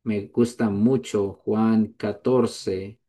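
A man preaching a sermon to a congregation, earnest, lifting his voice high on quoted prayers and softening on tender lines. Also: fairly even intonation, drawn-out words.

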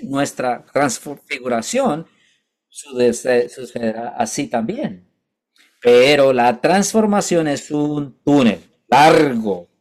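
A male preacher shares his conversion story in a sermon at a medium, ordinary pitch. He talks haltingly, often breaking off and correcting himself mid-word. He keeps turning to his listeners with asides. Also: darkish tone. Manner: halting, with frequent restarts and self-corrections; addresses listeners directly with asides. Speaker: preacher giving his testimony. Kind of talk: sermon with personal testimony.

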